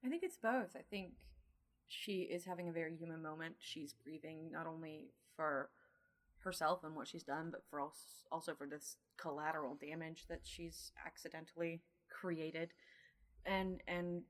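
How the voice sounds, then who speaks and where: A woman's voice: low-pitched, steady tone, normal speed. A woman co-hosting a casual podcast chat, thoughtful and weighing both sides. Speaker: podcast co-host.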